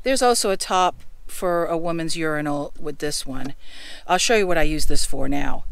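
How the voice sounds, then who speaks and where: A middle-aged van life vlogger with a deep voice sits in a parked car, casually showing off and explaining her gear amid background noise. Her show-and-tell is chatty and practical, with frequent ums and restarts.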